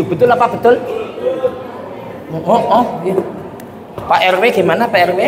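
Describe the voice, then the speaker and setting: A man's voice: extremely high pitch, background noise. A man preaching a humorous sermon to a crowd, joking playfully and often asking the listeners to agree. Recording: echoey reverberant sound with faint ambience.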